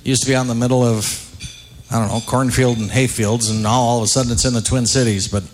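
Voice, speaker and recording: A man hosting a live radio broadcast from a dinner event, asking relaxed, chatty questions full of fillers. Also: mid-range voice, quick pace, faint music behind. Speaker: radio play-by-play host. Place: large arena banquet hall.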